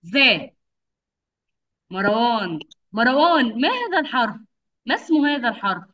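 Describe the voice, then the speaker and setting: This is a woman teaching kindergarten, her voice high and full of energy as she guides young kids through a lesson. Slowly and patiently, she stretches out every syllable, offering frequent praise. The recording quality is muffled and lo-fi, much like a video call.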